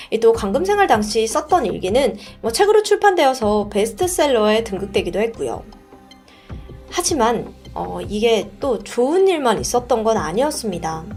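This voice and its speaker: A woman's voice: a little high, a little mellow. A woman host telling a true story in a casual, chatty way, often putting questions to the listener.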